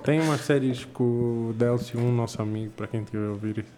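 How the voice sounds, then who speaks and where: A man's voice: mid-range voice, steady tone, fairly quick, a crowd in the background. A young man co-hosting a podcast, chatting casually and slangily with friends. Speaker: podcast co-host.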